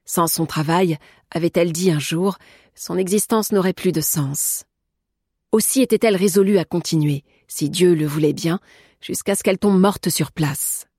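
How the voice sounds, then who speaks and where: A woman narrating a novel in a measured, even storytelling manner. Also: on the low side, slightly rough, no room sound, studio quality. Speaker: audiobook narrator. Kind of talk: scripted narration.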